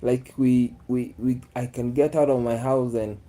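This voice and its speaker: A man's voice: medium pitch, steady tone, a little slow, dark tone. A man, chatting casually with his viewers in a musing way, often repeating his phrases. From Kenya. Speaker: vlogger. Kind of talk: casual live chat with viewers.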